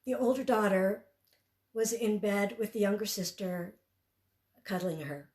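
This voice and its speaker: A woman shares parenting stories in an earnest, conversational talk, often saying "you know" as she goes. Her voice sits at an ordinary middle pitch. The recording has a roomy echo. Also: a little slow, darkish tone. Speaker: parenting expert. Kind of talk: storytelling talk.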